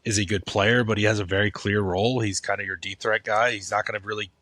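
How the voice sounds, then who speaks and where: A man's voice: fairly low pitch, steady tone, quick pace, bright, forceful tone, slight background noise. A man co-hosting a podcast, giving casual fantasy football takes, often restarting with "I think". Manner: thoughtful, repeats "I think" and restarts. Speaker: podcast co-host.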